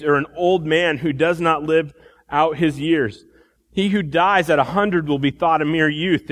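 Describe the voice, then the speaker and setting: A preacher giving a sermon at a pulpit microphone, in a relaxed teaching tone with frequent restarts. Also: male voice, fairly high pitch, big-room sound.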